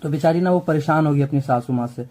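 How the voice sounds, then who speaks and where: A young man walks students through exam memory tricks, and his voice sits slightly high. The tone is soft and mellow. He keeps repeating key terms and checking that everyone is following. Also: quick pace. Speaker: biology tutor. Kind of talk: exam mnemonic lesson.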